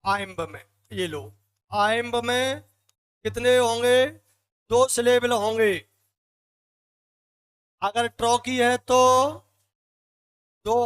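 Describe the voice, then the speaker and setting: A male literature teacher lecturing slowly in Hindi. He keeps quizzing the class and answering himself, counting feet out one by one. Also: extremely high pitch, fairly bright tone, clean tone.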